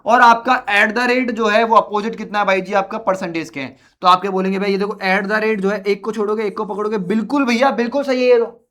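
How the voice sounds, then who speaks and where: एक पुरुष शिक्षक, कक्षा में परीक्षा की तैयारी के लिए समझाते हुए। वह बातें दोहराता है और छात्रों को बाबूजी, भैया कहकर मनाते हुए पढ़ाता है।. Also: male voice, high voice, steady tone, a little fast, sharp tone. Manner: repetitive, coaxing, addresses students as babuji and bhaiya. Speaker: reasoning teacher for exam prep. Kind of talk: classroom lecture at a board. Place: classroom.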